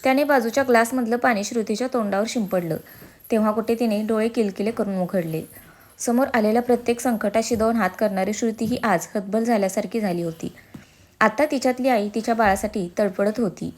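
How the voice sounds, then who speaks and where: A woman reading a serialized family story aloud as the storyteller, with steady, expressive delivery. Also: on the high side, a little fast. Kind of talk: storybook narration.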